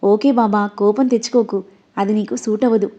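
A woman's voice: medium pitch, steady tone, a little fast, mellow, lightly acted. A woman reading the lines of a playful, teasing young man in a story. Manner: playful, coaxing. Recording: dull lo-fi audio.

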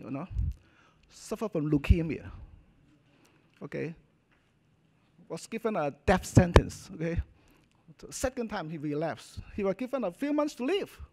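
A middle-aged man, a doctor with a Hong Kong Cantonese accent, gives a casual conference talk at a podium in a hotel function hall. His high, slightly mellow voice comes out emphatic and choppy, peppered with "okay?" and "you know."

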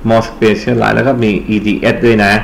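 A man's voice: lowish voice, little pitch movement, unhurried, creaky, roomy sound, a little hiss or hum. A Thai man tutoring English grammar for exams in a Thai accent, explaining step by step and quizzing the class. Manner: explains step by step, asks the class questions and answers them himself. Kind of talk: exam-prep lecture.

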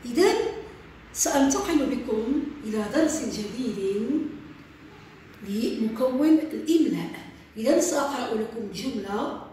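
A woman teacher leads a dictation lesson for young pupils, with a fairly high voice. She slows down and repeats words syllable by syllable. The room is very echoey, with a faint hum behind her. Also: animated, warm tone. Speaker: primary school teacher. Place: classroom.

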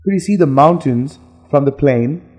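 A man with a slightly raised pitch reads practice dialogue phrases in a plain, measured delivery. A long reverb hangs after his lines. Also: expressive, darkish tone. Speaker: dialogue reader in an English lesson. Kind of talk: scripted dialogue reading.

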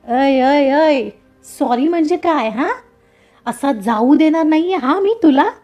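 A woman's voice: high-pitched, expressive, unhurried, warm tone, faint music behind. A woman voicing an arrogant young man who bullies and threatens a rival in a storybook reading, taunting and swaggering.

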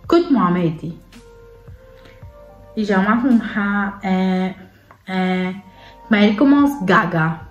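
Woman, Mauritian Creole accent, storytime vlog, halting and repetitive, echoey room, faint music underneath. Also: medium pitch, lively intonation. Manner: halting, repetitive retelling with frequent pauses. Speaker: vlogger telling a personal story. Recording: roomy echo with faint background music. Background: faint sad music.

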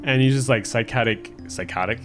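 A man hosting a let's play with playful, animated, casual gaming commentary. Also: medium pitch, normal speed, faint music behind.

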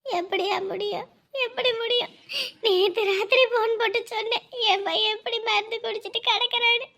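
A woman playing a sobbing mother, very high voice. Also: fairly even intonation, brisk, bright, forceful tone, exaggerated voice. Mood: bitter grieving. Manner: sobbing, lamenting, pleading with the gods. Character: distraught middle-aged mother, wailing over her son. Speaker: grieving mother. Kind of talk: Tamil TV drama acting.

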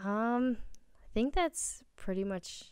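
A woman's voice: on the high side, animated, slow pace, darkish tone, smooth, dry recording, clean studio sound. A young woman from the Chicago area, chatting casually as a podcast guest, giggly and drawing out her vowels. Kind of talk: casual chat.

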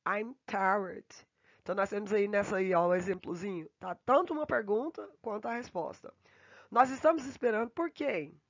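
A woman from Brazil, an English teacher giving a remote grammar lesson from home. She draws out slow English example phrases between quick asides to her students. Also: mid-range voice, dry recording. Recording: dull, dry home recording.

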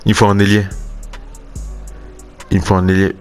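A young man casually commenting on a sports video game, thinking aloud and getting excited over pack openings. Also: lowish voice, moderate pace, soft background music. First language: French. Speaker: gaming YouTuber.

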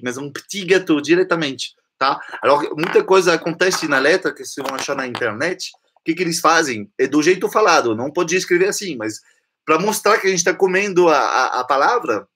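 A French man teaching the pronunciation of a song's lyrics, singing lines slowly and then explaining them. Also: a little high, fairly bright tone, husky.

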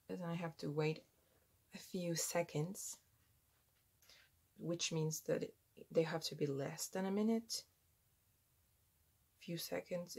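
A woman's voice: deep voice, vocal fry, slightly rough. A young woman at home rambling through a casual behind-the-scenes vlog as she does her hair and makeup, laughing at herself in a self-deprecating way. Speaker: vlogger.

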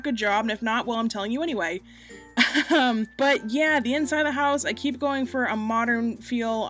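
A woman's voice: on the high side, a bit bright. A chatty, self-deprecating woman from Massachusetts, rambling through a casual home voiceover over gameplay while recorded under a blanket. She breathes audibly and laughs often. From Massachusetts, United States. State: breathing audibly, getting hot. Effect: muffled, recorded under a blanket. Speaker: gaming YouTuber.

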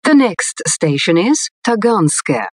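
A woman reading formal, scripted subway announcements in clearly separated phrases. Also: mid-range voice, big pitch swings, slow, no echo, clean studio sound.

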